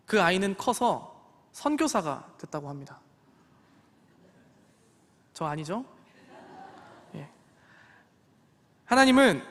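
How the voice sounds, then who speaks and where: A man's voice: high-pitched, fairly bright tone. A man preaching a sermon as a pastor, telling a story earnestly with wry asides. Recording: long hall reverb.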